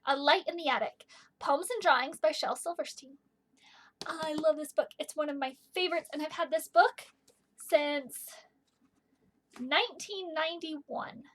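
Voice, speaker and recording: A woman in her thirties teaching young children in a broad singsong, explaining simply and stressing sounds as she goes. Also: high-pitched. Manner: simple explanations with emphasized, repeated sounds and questions. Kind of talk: children's poetry lesson with read-aloud.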